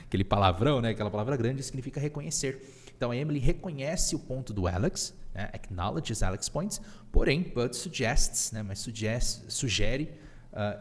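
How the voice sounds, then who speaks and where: During a live online English lesson, an upbeat Brazilian Portuguese-accented teacher and podcast host explains things with English phrases mixed in. His voice is medium-pitched, and the recording has a big-room sound.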